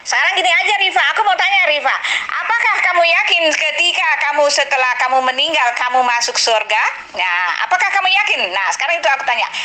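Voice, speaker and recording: Scornful high-voiced woman. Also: animated, fast, bright, forceful tone, rough recording. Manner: scornful, taunting. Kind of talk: heated online debate.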